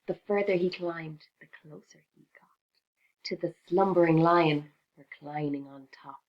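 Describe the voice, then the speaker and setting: A woman reading a rhyming picture book aloud to children in an expressive, sing-song teacher's way. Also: low voice, a little slow, highs cut off.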